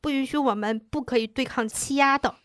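A woman's voice: sits high, fairly quick, fairly bright tone, no room sound, clean studio sound. A woman in her thirties co-hosting a casual chat, telling stories and acting out quoted lines. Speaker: podcast co-host.

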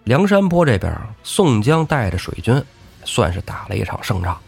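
A man telling a classic tale as the show's host, with lively, jokey asides to the listener. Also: on the low side, normal speed, vocal fry, breathy edge, soft background music. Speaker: storyteller host. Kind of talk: humorous storytelling of a classic novel.

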